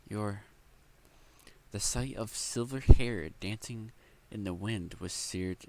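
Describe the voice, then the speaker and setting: A young man reads a novel aloud at home, his low voice full of gravelly fry. He stumbles over words and breaks off into eager reactions, with a faint hiss behind him. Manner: reads haltingly with slips, breaks off to react excitedly. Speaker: light novel reader and reactor. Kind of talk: casual read-aloud with commentary.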